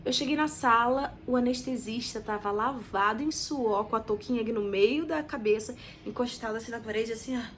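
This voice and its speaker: A woman's voice: on the high side, a little fast, few pauses. A young woman, telling a story to her viewers in a chatty, dramatic way. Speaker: vlogger. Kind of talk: casual storytelling to camera.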